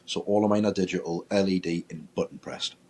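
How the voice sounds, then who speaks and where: A man, a paranormal investigator, telling a ghost-hunting story in a lively way and acting out his own reactions. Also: sits low, brisk, breathy edge. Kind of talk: storytelling in casual chat.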